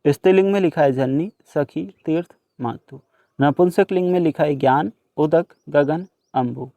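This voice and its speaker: A man's voice: on the high side, moderate pace, dark tone, dry recording. A young man teaching a workbook lesson, patiently explaining each answer and speaking directly to students.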